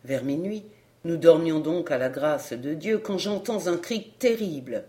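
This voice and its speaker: A reader narrating a nineteenth-century novel in a measured, solemn way, as an audiobook. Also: mid-range voice, animated, warm tone.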